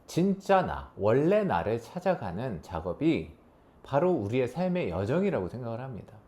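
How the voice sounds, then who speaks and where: A man lecturing an audience as a coach, his voice swinging up and down in lively pitch. He talks in a middle range and keeps it animated, slipping into quoted voices now and then. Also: moderate pace. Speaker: coach giving a talk on relationships.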